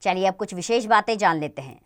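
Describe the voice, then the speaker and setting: A woman teaching a grammar lesson to children, spelling out sounds slowly and deliberately. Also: mid-range voice, animated.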